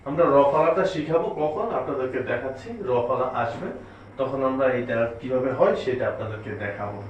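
A man's voice: mid-range voice, lively intonation, brisk, slight background noise. A man teaching a spelling lesson, spelling out letters one at a time and asking and answering his own questions. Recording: echoey room, distant dull mic.

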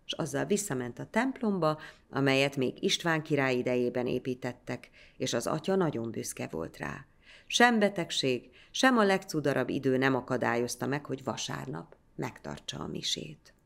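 A woman narrating a folk legend in a measured, scripted storytelling manner. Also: very deep voice, expressive, creaky.

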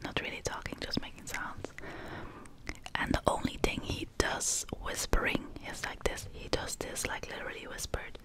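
A young woman whispering soft, repeated affirmations and casual chat into a close microphone as an ASMR creator. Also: normal speed. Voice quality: unvoiced whisper. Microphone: close sensitive mic.

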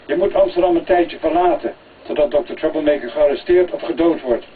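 Brief: male reader doing older crime boss in a storybook reading, bossy and loud, heard from off-mic with light hiss. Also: on the high side, a little fast, natural voice. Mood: urgent. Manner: loud, shouting commands. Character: scheming older male drug-gang boss. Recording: tinny phone-like, distant, faint hiss.

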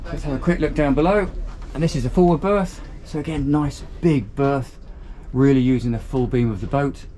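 Man, chatty walkthrough vlog, thinking aloud, handheld camera mic, clear marina noise behind. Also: medium pitch, normal speed, warm tone. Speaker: boat reviewer giving a walkthrough tour. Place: outdoors on a marina pontoon and inside a small motor boat cabin.

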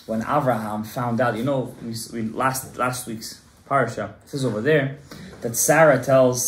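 A man in his thirties, a rabbi giving an emphatic Torah class to a small group and quizzing his listeners. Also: medium pitch. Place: synagogue study room, indoors. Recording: roomy echo.

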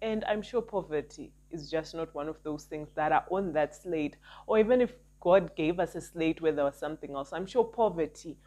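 A woman's voice: fairly low pitch, mellow. A young adult woman speaking as an earnest, emphatic self-help influencer, giving faith-based motivation straight to camera. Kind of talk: devotional affirmations and motivational talk to camera. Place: small plain indoor room. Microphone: lapel mic.

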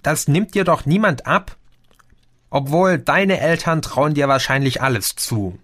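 A man's voice: fairly high pitch, unhurried, a bit bright, no echo, pitched above the performer's own voice. A man voicing a mocking young friend who keeps disbelieving what he hears. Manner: mocking, incredulous.

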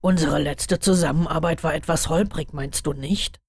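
A woman reading the lines of a tired, thoughtful young male wizard in a lowered, measured voice. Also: fairly even intonation, creaky, a little mellow, husky, dry recording, studio quality, exaggerated voice. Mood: subdued.

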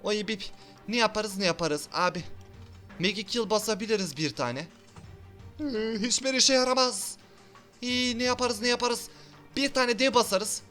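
A young man hosting a gaming video, giving playful, excitable commentary and shouting cheerfully at his units. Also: sits high, normal speed, long pauses, faint music behind. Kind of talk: excitable let's-play commentary.

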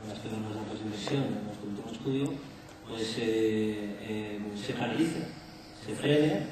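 Hoarse Spanish man, echoey noisy hall. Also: on the low side, darkish tone, distant mic. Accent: Spain. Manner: halting, hesitant delivery. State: hoarse, under the weather. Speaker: industry association panelist. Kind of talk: unscripted panel discussion. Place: conference stage, large indoor hall.

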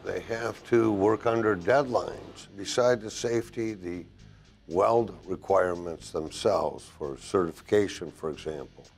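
Deep-voiced older instructor, measured delivery. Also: male voice, gravelly, darkish tone, soft background music. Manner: measured, deliberate, listing points with pauses. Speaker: welding instructor. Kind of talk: interview answers to a program video. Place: classroom, indoors. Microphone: lapel mic.

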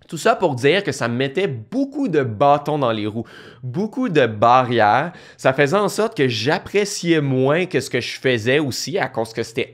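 A man hosting a podcast, talking in a chatty, conversational way with frequent restarts. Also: medium pitch. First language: French. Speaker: podcast host. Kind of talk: casual podcast monologue.

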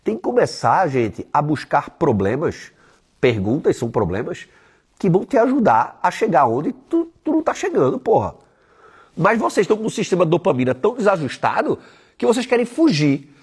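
A man coaching his live-stream audience in a blunt, swear-heavy way. His voice sits fairly high and sounds husky. His pitch swings widely as he hammers his points home. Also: big pitch swings, normal speed. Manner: blunt, profane, emphatic; tells stories and voices the people in them. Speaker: online weight-loss coach. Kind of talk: live-stream motivational talk.

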